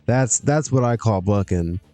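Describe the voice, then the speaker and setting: A man's voice: fairly low pitch, animated, measured pace, warm tone, dry recording, soft background music. A man streaming a wrestling management game, chatting casually to himself, laughing often as he reacts to results. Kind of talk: casual gameplay commentary.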